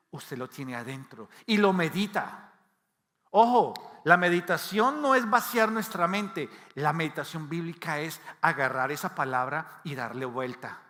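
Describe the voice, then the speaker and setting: A man's voice: a little high, bright, forceful tone. A man from Latin America preaching a sermon in a church hall, talking conversationally and asking the congregation questions. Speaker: pastor. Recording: long hall reverb.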